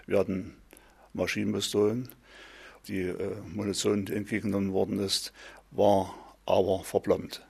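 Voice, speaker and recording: 50s guy, lowish gravelly husky voice, halting, lots of pauses. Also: little pitch movement, a little mellow. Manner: halting, with pauses between phrases. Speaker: interviewee, former police reservist. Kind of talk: recorded testimony.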